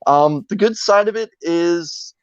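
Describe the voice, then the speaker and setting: A man's voice: high-pitched, unhurried, clean tone, no room sound. Man chatting on a dull, dry recording. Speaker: interview guest, video creator. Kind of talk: casual chat, telling anecdotes.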